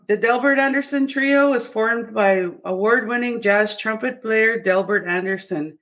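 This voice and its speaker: A woman with a Cree accent hosting a casual livestream interview, speaking haltingly and often repeating words. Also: fairly high pitch, a bit bright. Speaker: show host.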